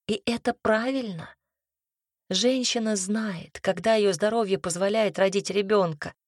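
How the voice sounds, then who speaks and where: A woman reading a first-person audiobook in a measured, wry way. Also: medium pitch, dry recording, studio quality. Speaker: audiobook narrator.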